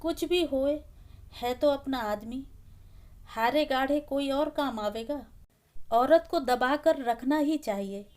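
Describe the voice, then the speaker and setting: A woman's voice: sits high, slow, darkish tone. A woman voicing a meek, lonely hunchbacked woman who pleads and murmurs shyly, in a storybook reading. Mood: bashful. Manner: pleading, bashful.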